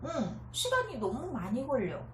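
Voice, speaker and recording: A woman voicing a frustrated, competitive young schoolgirl in a high, whiny child voice, read aloud in an echoey room. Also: huge pitch swings, normal speed, slight background noise. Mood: sulky.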